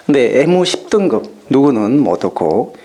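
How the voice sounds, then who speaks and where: A man's voice: medium pitch, sing-song, normal speed, warm tone, slight background noise. A man voicing a male ministry official who reads a formal report and mispronounces one vowel.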